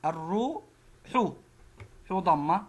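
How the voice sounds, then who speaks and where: A woman with an Egyptian Arabic accent teaching a phonics lesson, slowly repeating syllables one at a time. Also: lowish voice, lively intonation, very noisy.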